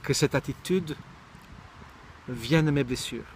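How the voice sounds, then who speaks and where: A man's voice: medium pitch, takes it slowly, a little hiss or hum. Thoughtful middle-aged man, from Israel. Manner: thoughtful, searching for words, frequent restarts. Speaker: speaker sharing personal reflections. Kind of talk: reflective monologue.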